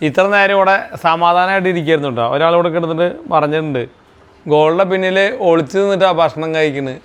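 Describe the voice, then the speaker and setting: A woman's voice: sits low, quick pace, clear, resonant tone. A woman vlogger chatting casually with her family and narrating a home recipe, mixing English words into her talk. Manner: chatty, mixes English into Malayalam. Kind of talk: casual vlog chat and cooking narration. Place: home kitchen and dining area.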